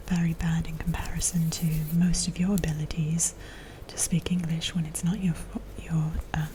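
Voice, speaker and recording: A woman with an American accent whispers softly in a casual ASMR chat, rambling and haltingly searching for her words. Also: low-pitched, noisy background. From United States. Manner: soft, unvoiced whispering. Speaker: ASMR creator and host.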